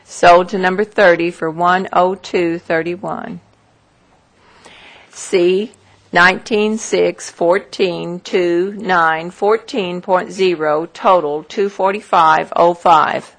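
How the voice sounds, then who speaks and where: Woman auctioneer, lowish pitch, unhurried formal read-out of figures, methodical and repetitive. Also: steady tone. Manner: measured, methodical, repetitive, number by number. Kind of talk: formal auction calling, reading out parcel numbers.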